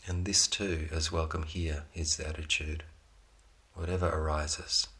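A man with a deep voice guides a relaxation meditation. His delivery is even and low, with little melodic movement. He offers soothing instructions in short, unhurried phrases, leaving room between them.

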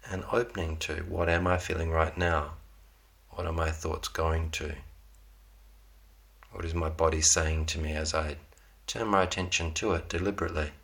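A yoga teacher guides a relaxation practice softly and without hurry, leaving long pauses between phrases. His very low voice stays flat and even, though the tone has a bright, clear edge.

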